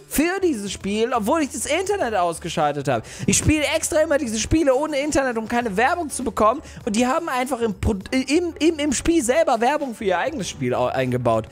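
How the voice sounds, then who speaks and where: A young man narrating a mobile game as a YouTuber, excitable and yelping in fright. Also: very high-pitched, fairly quick, hardly any pauses. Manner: excitable, yelps and shouts in fright. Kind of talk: let's play commentary.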